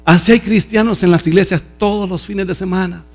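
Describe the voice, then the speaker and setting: A man preaching a sermon as pastor, emphatic and lively, acting out voices from the story. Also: high voice, fairly quick, soft background music.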